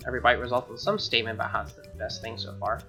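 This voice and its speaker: Reading a visual novel aloud over background music, this streamer keeps cutting in with casual, slangy, exclaiming opinions. The delivery is very fast and flat, with a gravelly, pushed, bright medium-pitched voice.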